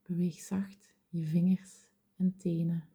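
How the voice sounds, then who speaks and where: Female meditation guide, whispered delivery, very slow and dark-toned. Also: lowish voice, level tone, husky, muffled recording. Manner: slow, soothing, gentle.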